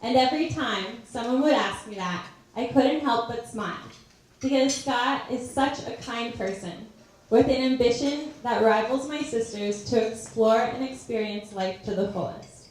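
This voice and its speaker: A young woman giving a prepared wedding toast as maid of honor, telling stories deliberately with pauses for comic effect. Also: fairly high pitch. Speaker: maid of honor, sister of the bride. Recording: very echoey room, far from mic, faint noise.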